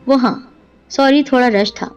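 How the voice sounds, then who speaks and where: A woman voicing a worried young husband who speaks calmly and soothingly. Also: high-pitched, smooth, close to an everyday voice. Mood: uneasy. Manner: calm, soothing. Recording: dull lo-fi with music behind.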